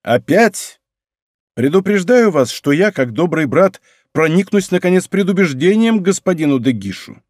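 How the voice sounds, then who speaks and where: A man's voice: sits high, big pitch swings, moderate pace, darkish tone, no room sound, clean studio sound, pitched above the performer's own voice. A man voicing an earnest young king in an audiobook, soothing and coaxing. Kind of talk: audiobook character reading.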